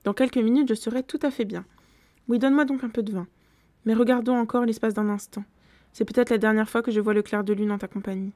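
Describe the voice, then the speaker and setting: A woman's voice: fairly high pitch, fairly even intonation, quick pace, darkish tone, dry recording, natural voice. A woman reading as a languid vampire girl. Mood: weary. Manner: languid, murmuring.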